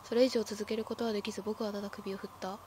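A woman's voice: mid-range voice, flat delivery, very fast, warm tone, slight background noise, close to an everyday voice. A woman reading aloud the lines of a tense, protective young man in a video game, insisting urgently.

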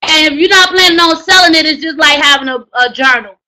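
A woman teaching a writing class, coaching loudly and repetitively in slangy, preacher-like exhortation. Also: sits high, brisk, low-quality recording. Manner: loud, hollering, preacher-like exhortation. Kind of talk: live online class on book promotion.

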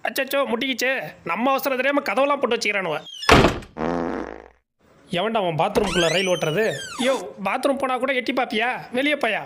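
A man's voice: extremely high pitch, animated, brisk, pauses often. A man doing comic, teasing voice-overs for animals in a bantering, cartoonish way. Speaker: comedy voice-over creator. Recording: noisy background.

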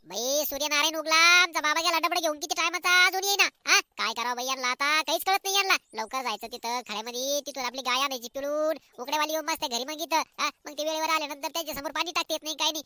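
A man's voice: extremely high pitch, no room sound, clean studio sound, heavily acted. A man voicing a scolding middle-aged village housewife in a cartoon comedy. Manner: nagging, calling out loudly.

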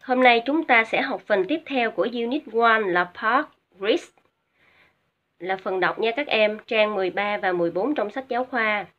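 A woman's voice: on the high side, lively intonation, normal speed. A Vietnamese woman teaching an English vocabulary lesson to students, explaining words with hesitant fillers. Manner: patient, repeats each word twice for pronunciation drill. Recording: dull lo-fi audio.

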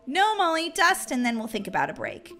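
A woman's voice: high-pitched, wildly swooping pitch, brisk, sharp tone, faint music behind, full character voice. A woman voicing a strict, commanding mother in a game role-play story. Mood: stern. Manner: stern, commanding.

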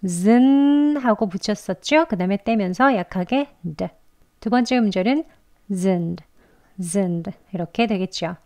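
A woman gives a patient pronunciation lesson at a medium pitch. She explains each sound carefully and slows right down to model words for learners to repeat after her. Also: a little mellow. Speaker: English pronunciation teacher.

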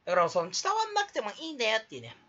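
A man's voice: sits high, wildly swooping pitch, very fast, pushed and bright, highs cut off. A young man rambling through a solo vlog, joking about himself and putting on a fake Kansai dialect. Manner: jokey, self-mocking, rambling. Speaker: YouTuber.

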